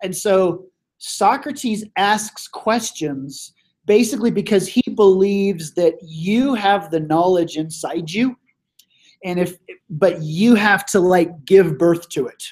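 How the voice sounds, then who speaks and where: A man's voice: high voice, slow pace, a little mellow. Man teaching while losing his voice. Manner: casual, many fillers and throat clearing. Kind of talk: classroom review lecture. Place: classroom.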